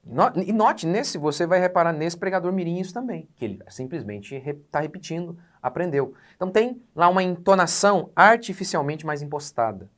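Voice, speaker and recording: A man's voice: a little high, lively intonation, a little fast, hardly any pauses. Emphatic Brazilian pastor in his forties. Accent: Brazilian Portuguese. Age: 40s. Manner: emphatic, rhetorical questions, swells on key words. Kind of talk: teaching sermon.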